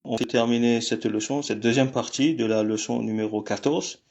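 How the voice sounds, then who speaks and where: A man teaching a language lesson online, talking in a halting way with many fillers and restarts. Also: mid-range voice, steady tone, a little mellow, highs cut off. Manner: apologetic about technical glitches.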